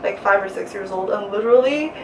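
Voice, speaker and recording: A young Malaysian woman chats casually as a vlogger, laughing often and saying "like" a lot in a mid-range, fairly quick voice. The distant mic gives a roomy, slightly dull sound with slight background noise.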